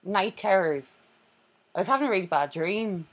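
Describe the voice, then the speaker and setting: A woman's voice: medium pitch, lively intonation, moderate pace. A young woman co-hosting a casual chat, telling stories with frequent laughter. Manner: chatty storyteller, laughs often.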